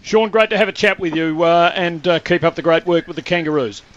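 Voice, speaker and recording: An Australian man with a distinctly high voice for a male hosts sports radio. He talks conversationally with his guest over slightly muffled audio. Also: steady tone, a little fast, a little hiss or hum. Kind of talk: conversational interview.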